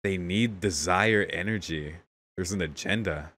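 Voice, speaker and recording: A man's voice: deep voice, unhurried, a bit bright. A young man hosting a casual anime reaction, exclaiming candidly, often laughing and swearing. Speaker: anime reaction channel host.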